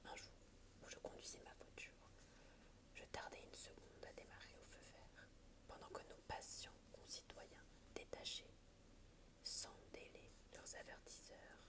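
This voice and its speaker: Whispering woman reading aloud, ASMR. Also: a little slow. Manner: soft library whisper, unvoiced. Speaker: ASMR reader.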